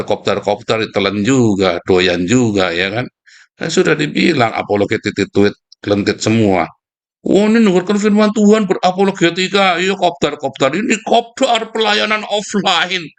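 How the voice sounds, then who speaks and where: A man preaching a casual devotional sermon, scolding and mocking his listeners in a lively way. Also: medium pitch.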